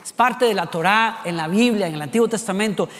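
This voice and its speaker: A man with a Costa Rican accent preaching a sermon, asking rhetorical questions and varying his pace and loudness for emphasis. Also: high-pitched, brisk, in a large hall. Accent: Costa Rican Spanish. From Costa Rica.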